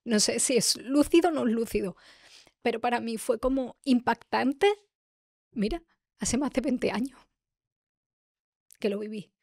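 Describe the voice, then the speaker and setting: A middle-aged woman, a podcast host telling a personal story in a heartfelt, halting way. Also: on the high side, darkish tone, no echo, studio quality.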